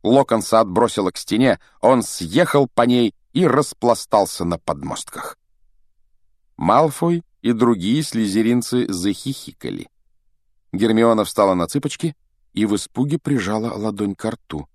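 A man reads a fantasy novel aloud as an expressive storyteller. His voice is mid-pitched with a lively, varied melody. The recording is dry and close to the mic. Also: a little slow, no echo. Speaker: audiobook reader. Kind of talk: scripted narration of a fantasy novel.

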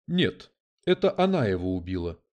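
A man's voice: sits low, sing-song, normal speed, a little mellow. A man voicing a prim, coldly logical male detective android who speaks in an oddly mechanical, lecturing way. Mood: flat objection. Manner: precise, lecturing, unflappable.

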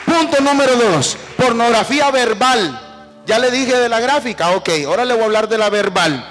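A male pastor preaching a fervent sermon, swinging between loud calls and hushed asides. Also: very high voice, lively intonation, normal speed. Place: church. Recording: preacher with long church-hall reverb, faint music.

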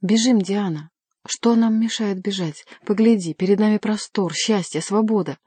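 A woman's voice: fairly low pitch, steady tone, moderate pace, mellow, no echo. Ardent young nobleman, read by a woman. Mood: urgent. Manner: passionate, pleading.

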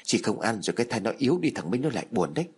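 Man doing a scheming old mother-in-law, scolding and sneering, low husky voice. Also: very animated, rapid-fire. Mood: coaxing.

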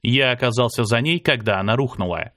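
A man narrating a first-person fantasy audiobook, with dramatic delivery that rises for shouted lines. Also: brisk, no echo, studio quality. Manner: dramatic, lifts pitch and volume for shouted lines.

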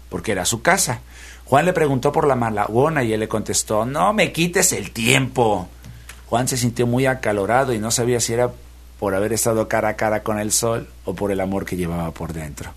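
A man reading a folk tale aloud on the radio, in a folksy, unhurried manner, speaking straight to his listeners. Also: mid-range voice. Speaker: radio storyteller. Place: radio studio.

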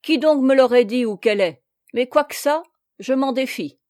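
A woman's voice: sits high, moderate pace, a little mellow, no echo, voice pushed up, lightly acted. Brief: cunning rustic peasant, fifties, male, fake humility, read by a woman, dry sound. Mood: wheedling. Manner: rustic, evasive, wheedling. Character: sly middle-aged male peasant, falsely humble. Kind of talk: audiobook character reading.

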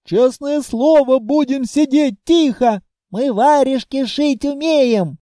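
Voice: high voice, slow, dark tone, no room sound, studio quality, voice pushed up. A reader voicing two cowardly lizard-men brothers who wail and beg for mercy in an audiobook. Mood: wailing, begging. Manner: wailing, begging.

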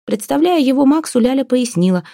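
A woman narrating an audiobook in a lively, expressive manner, acting out the characters. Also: high voice, fairly quick, creaky, no echo, clean studio sound. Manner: lively, acts out every character. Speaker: audiobook reader.

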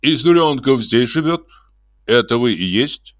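A man's voice: mid-range voice, animated, measured pace, dry recording, voice pushed up, lightly acted. A man voicing a cool, stern conman who speaks in curt, commanding phrases with dry irony, in an audiobook. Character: cool, stern smooth-talking male conman. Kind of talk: audiobook character voice.

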